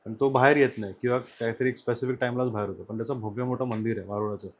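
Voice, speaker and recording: A quiet male podcast host from the Konkan region of India keeps a casual chat going. He talks at an ordinary male pitch in a low-key way and often answers with soft murmurs while his guest talks. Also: steady tone, racing, a little hiss or hum.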